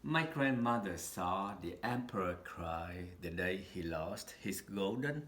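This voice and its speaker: With a low voice, a man reads aloud from a children's picture book in a spacious, echoing setting where faint noise lingers. He speaks very slowly and deliberately, and his dramatic pauses and rising and falling tone bring the story to life.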